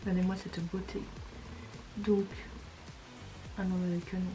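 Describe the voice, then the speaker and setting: A woman's voice: mid-range voice, little pitch movement, moderate pace, music in the background, rough recording. A woman, casually talking through each step of a makeup tutorial. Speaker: beauty vlogger.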